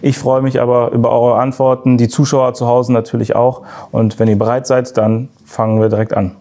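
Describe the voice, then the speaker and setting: A man's voice: medium pitch, little pitch movement, a little fast, mellow. A young man hosting a YouTube interview in a youth centre lounge, asking questions in an earnest, searching way with many fillers. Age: young adult.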